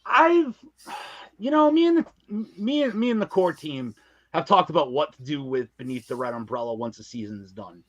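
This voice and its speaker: Lively intonation and a fairly high, bright voice mark this man, who speaks at a moderate pace with no echo around him. As a podcast guest and audio drama creator and narrator, he chats casually and emphatically about his creative work, using slang and recurring phrases.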